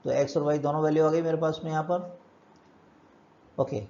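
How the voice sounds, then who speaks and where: Gravelly-voiced man teaching physics. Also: a little high, flat delivery, moderate pace, warm tone, dull audio. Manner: explains step by step, asks and answers his own questions. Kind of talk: classroom lecture.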